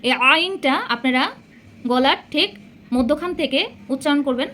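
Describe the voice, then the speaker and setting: A woman teaching Arabic letter pronunciation as a patient Quran reading teacher, sounding out each letter slowly and repeating it with care. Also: sits high, a bit bright, slight background noise. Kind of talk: slow recitation lesson.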